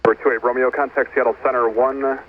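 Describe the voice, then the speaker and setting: A man speaks as an air traffic controller over the radio in brisk, clipped procedural phrases. The transmission is narrow and tinny, with clear noise around it. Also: medium pitch, little pitch movement. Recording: thin phone-like radio audio, clear noise.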